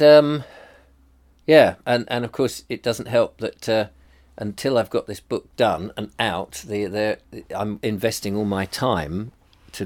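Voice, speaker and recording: Bunged up and congested, a middle-aged man rambles through a personal reflection to camera for his vlog, hesitant and full of ums and restarts. His voice sits at a fairly low pitch, with no echo in the recording.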